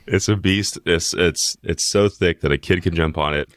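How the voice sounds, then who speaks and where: Very deep-voiced man on a podcast. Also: normal speed, fairly bright tone, no echo, clean studio sound. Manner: friendly, chatty, many fillers. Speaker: podcast co-host. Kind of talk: casual podcast chat.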